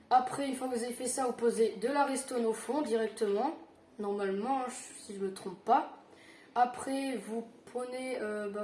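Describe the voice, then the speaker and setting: A tired woman giving a casual Minecraft building tutorial, halting with fillers and self-corrections. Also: a little high, mellow, echoey room, a little hiss or hum.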